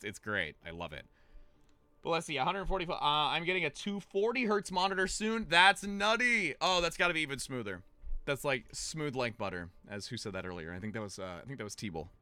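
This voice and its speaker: A man's voice: mid-range voice, bright, forceful tone, clear, resonant tone. A man live-streaming a video game, chatting with viewers and commentating his own match in a hyped, chatty way while sounding tired. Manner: hyped, chatty, reads chat aloud. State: tired, yawning.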